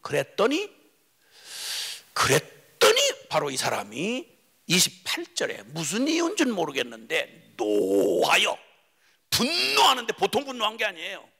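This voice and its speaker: A man's voice: high-pitched, wildly swooping pitch, unhurried, creaky, sharp tone, husky. A man preaching an impassioned sermon, emphatic and full of rhetorical questions.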